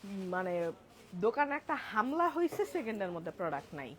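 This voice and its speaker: A woman's voice: medium pitch, very animated, fast. Chatty woman, live sale. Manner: chatty, addresses viewers as apu; switches between soft and loud talk. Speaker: live-selling host at a store sale. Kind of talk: live-stream product demo. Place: crowded store outlet indoors. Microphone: clip-on mic. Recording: crowded shop, busy background. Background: shoppers chattering.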